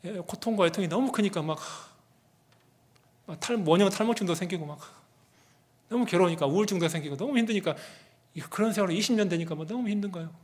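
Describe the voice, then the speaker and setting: A man preaching a sermon as pastor, animated and asking the congregation rhetorical questions. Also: sits high, quick pace. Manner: animated, acts out quoted people in their own voices.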